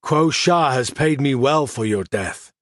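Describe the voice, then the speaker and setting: A man's voice: medium pitch, expressive, measured pace, no echo, clean studio sound, close to an everyday voice. A man voicing a mad, twitching one-eyed male assassin with a theatrical, mocking manner, in an audiobook. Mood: menacing.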